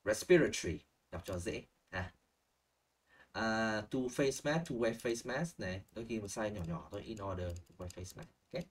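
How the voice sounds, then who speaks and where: Brief: young male language teacher on a video call, lively and coaching, a little far from the mic, typing heard. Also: lowish voice, normal speed, husky. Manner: animated, models phrases, checks in with "ok?" and "chưa?". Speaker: IELTS speaking teacher. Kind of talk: online lesson feedback, mixing Vietnamese and English.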